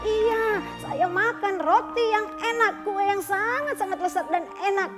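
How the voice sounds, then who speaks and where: A woman's voice: a little slow, over music. A woman voicing an eager little boy in a children's story, calling out and repeating himself. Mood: excited. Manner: eager, high, repeating calls.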